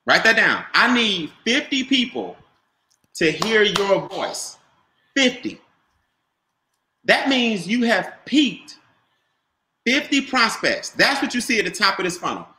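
A man's voice: high-pitched, very animated, takes it slowly, pauses often, sharp tone, echoey room, a little hiss or hum. A man coaching a group on a video call, stressing and repeating his key points and quizzing listeners. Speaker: business trainer.

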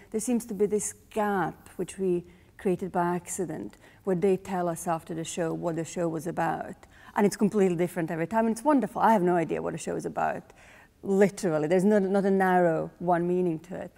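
Croatian lady in her 40s, playwright, talks it through, low dark voice, long hall reverb. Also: fairly even intonation, brisk, creaky. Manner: thoughtful, searching for words. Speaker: playwright and director. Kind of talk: interview. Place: large rehearsal hall indoors.

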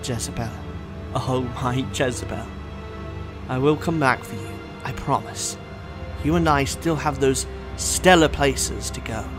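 A man's voice: mid-range voice, unhurried, natural voice. A man playing a heroic, eccentric time-travelling adventurer in an audio drama, with a theatrical delivery. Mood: tender, resolute. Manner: theatrical, declamatory. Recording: music bed under the voice.

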